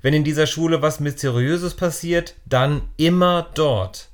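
A man's voice: fairly high pitch, measured pace, pitched above the performer's own voice, lightly acted. A man voicing a grinning, teasing schoolboy in a storybook reading, with a mocking, cheeky manner. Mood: dry.

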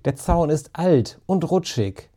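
A man's voice: fairly high pitch, lively intonation, slow, mellow, pitched above the performer's own voice. A man doing an earnest, rule-loving schoolboy. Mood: firm. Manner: earnest, a little solemn.

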